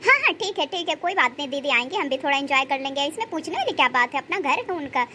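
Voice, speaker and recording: A high-voiced woman doing a young daughter-in-law in a cartoon story. She is fiercely protective of her mother-in-law and sharp-tongued about her husband. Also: expressive, fast, slight background noise. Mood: cheerful. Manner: protective, scolds and soothes.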